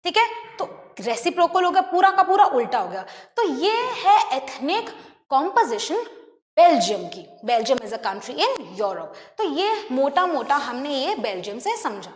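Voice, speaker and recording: A woman teacher with an Indian accent giving an online class lecture. She mixes Hindi and English, checks in often with her students, and slows down to dictate key terms. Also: high-pitched, sing-song. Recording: roomy echo with long reverb.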